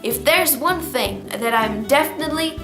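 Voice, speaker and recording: A woman's voice: high-pitched, lively intonation, moderate pace. A woman in her late teens speaking English as a second language, talking candidly and expressively in a casual personal vlog as she reads from her diary. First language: not English. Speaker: vlogger. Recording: roomy echo, music behind. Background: music.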